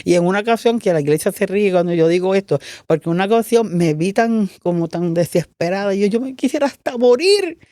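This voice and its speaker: A woman's voice: mid-range voice, lively intonation, brisk, hardly any pauses, warm tone, dry recording, studio quality. A woman pastor giving her testimony in an interview, telling her story with feeling and acting out the dialogue she quotes.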